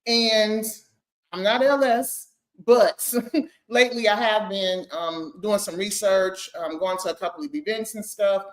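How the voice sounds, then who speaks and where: A woman hosting a casual podcast in a playful, loose way. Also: medium pitch. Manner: playful, loose, slows to introduce topics. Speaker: podcast host. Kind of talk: casual chat.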